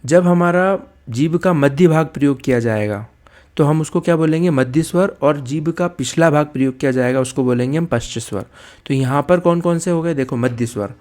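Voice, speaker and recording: A man's voice: fairly high pitch, darkish tone. A man teaching an exam-prep lesson, posing questions and answering them himself and checking in often with okay and right. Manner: sounds out letters slowly to demonstrate.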